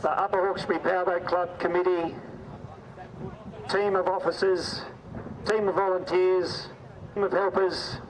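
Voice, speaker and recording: A man doing live powerboat race commentary outdoors with excited, shouted-out calls. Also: high voice, moderate pace, pauses often, poor audio. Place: outdoors at a riverside race venue. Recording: outdoor recording with loud engine noise.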